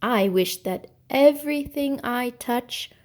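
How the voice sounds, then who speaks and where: A woman voicing a greedy, excitable king in a storybook myth, exclamatory and dramatic. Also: on the high side, slow, voice pushed up. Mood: eager, greedy.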